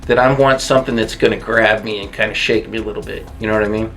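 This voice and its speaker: A man's voice: lowish voice, fairly even intonation, quick pace, fairly bright tone, soft background music. A man co-hosting a fragrance review, giving his opinions in a casual, conversational way.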